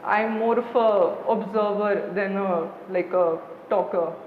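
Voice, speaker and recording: A young woman with a Kashmiri accent, answering formally and haltingly as a deferential interview candidate. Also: mid-range voice. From Srinagar, Kashmir, India. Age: young adult. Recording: echoey hall, dull sound, background noise.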